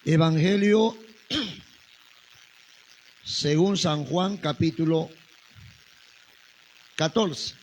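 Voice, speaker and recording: A man preaching a Bible study sermon as pastor, swinging between emphatic rising declarations and quiet questions to the congregation. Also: fairly high pitch, very slow, long pauses, a little hiss or hum, rough recording.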